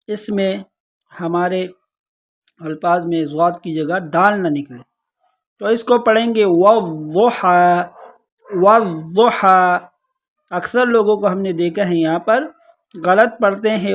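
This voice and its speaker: Recitation teacher, mid-pitched, measured explanations with slow drawn-out examples. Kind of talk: step-by-step recitation lesson.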